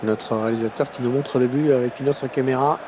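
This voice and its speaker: A man commentating on a football match in an excited play-by-play style, his voice rising at chances and goals. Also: mid-range voice, brisk, background noise, close to an everyday voice. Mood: engaged. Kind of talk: excited goal-call sports commentary.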